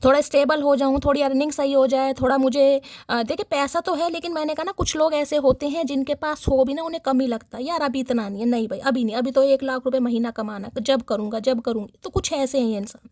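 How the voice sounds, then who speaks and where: A woman giving a chatty collective tarot reading, teasing and sarcastic, and talking warmly and directly to her viewers. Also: high voice, fairly even intonation, quick pace, few pauses, no echo, studio quality. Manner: affectionate address to audience. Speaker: tarot reader.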